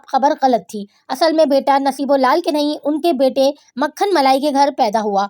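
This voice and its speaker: High-voiced woman reading showbiz news. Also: a little mellow, no echo, studio quality. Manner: critical, opinionated. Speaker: showbiz news channel host. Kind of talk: news-style voice-over with commentary.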